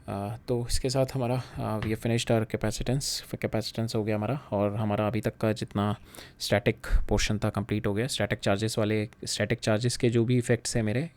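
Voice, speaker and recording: A man's voice: fairly low pitch, darkish tone. A man teaching physics, working through problems while switching between Hindi and English, with frequent fillers and repeated words. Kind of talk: lecture solving exam problems.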